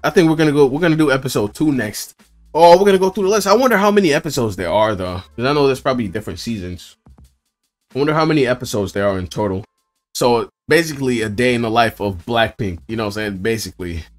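A man's voice: medium pitch, expressive, fast talker, faint music behind. A tired young man casually reacting to a video late at night, laid-back and slangy, swearing freely and calling everyone bro. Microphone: own microphone.

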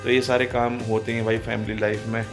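A man's voice: lowish voice, little pitch movement, fairly quick, faint music behind. Chatty man filming his family vlog. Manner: chatty, teasing, hurrying the family along. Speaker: vlogger. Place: home bedroom, later in a car. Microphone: phone camera at arm's length.

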